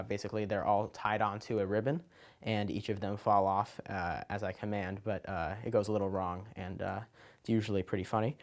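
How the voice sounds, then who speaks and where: A man talking casually as a children's magician, explaining his kit item by item in an informal, loosely improvised, hesitant way. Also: on the low side. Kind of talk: casual show-and-tell explanation.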